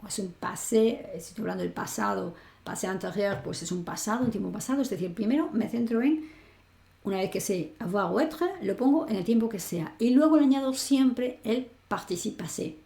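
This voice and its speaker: A woman teaching a French grammar lesson online, with a low, gravelly edge to her voice and a mellow, darkish tone. She explains patiently step by step, checking in often, and the room gives her voice a noticeable echo. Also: fairly quick. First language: Spanish.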